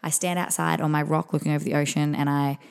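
A woman's voice: low voice, level tone, fast talker, creaky, clear, resonant tone. A young woman guest on a podcast, telling stories in a casual, dramatic way. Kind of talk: casual storytelling.

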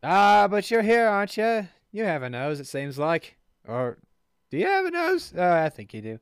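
A man's voice: on the high side, wildly swooping pitch, normal speed, clean tone, dry recording, studio quality. A man voicing a small, cocky, foul-mouthed mouse-person rogue who teases and brags with a wavering put-on accent. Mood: teasing. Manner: brash, teasing, wavering accent.

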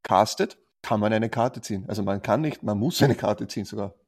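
A man's voice: lowish voice, fairly quick, darkish tone, slightly rough. A man co-hosting a casual card game podcast who asks questions and hesitates with fillers. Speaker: co-host.

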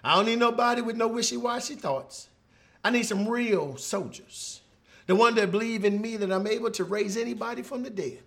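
A man preaching, voicing Jesus in a soft, low, reassuring tone. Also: animated, a little slow, pauses often, full character voice. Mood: firm. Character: calm, gentle, fatherly Jesus.

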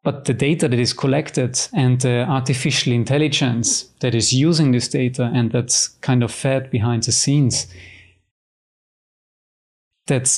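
A male interview guest from Austria with a mid-range voice. He speaks conversationally and somewhat haltingly, rewording his thoughts as he goes. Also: mid-range voice, darkish tone.

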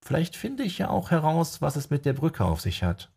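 A man voicing a sharp-tongued young woman necromancer, raised in pitch, in an audiobook. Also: wildly swooping pitch, moderate pace, creaky, slightly rough, heavily acted. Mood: brisk.

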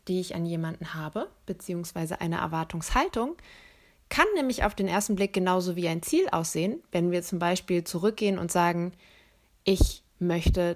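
A woman hosting a podcast, explaining ideas in a clear, steady way and speaking directly to her listeners. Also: on the low side, moderate pace. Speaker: podcast host.

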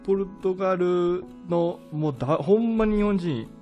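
A man with a Kansai accent, co-hosting a casual podcast, telling a story with animated delivery and playful engine-revving sounds. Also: high-pitched, normal speed, lo-fi sound, faint music behind. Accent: Kansai Japanese. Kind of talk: casual chat. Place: podcast recording.

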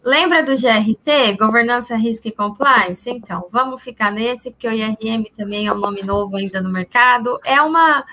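Brazilian woman explaining, fairly high voice. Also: moderate pace, few pauses, pushed and bright, a little hiss or hum. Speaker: guest expert. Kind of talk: informal explanatory talk.

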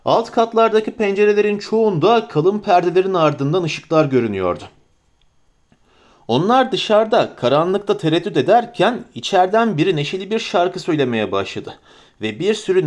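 A man narrating an audiobook in measured storytelling. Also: high-pitched, animated. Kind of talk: audiobook reading.

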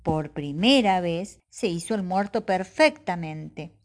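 A woman's voice: on the low side, expressive, slow. A woman reading a children's storybook aloud expressively, acting out sound effects.

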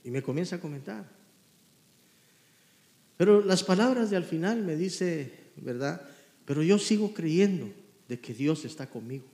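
A man delivering a sermon in a high, bright voice. He swings from loud, fervent exclamations to hushed storytelling. The sound rings around an echoey church hall. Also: animated, a little slow, pauses often. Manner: fervent preaching, rising to loud exclamations then dropping to quiet storytelling. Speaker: pastor.

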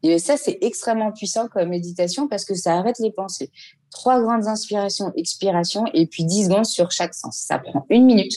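A woman teacher casually explaining a mindfulness exercise step by step, pausing often to search for words. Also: medium pitch, mellow. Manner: explains step by step with frequent hesitations. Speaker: teacher giving mindfulness advice.

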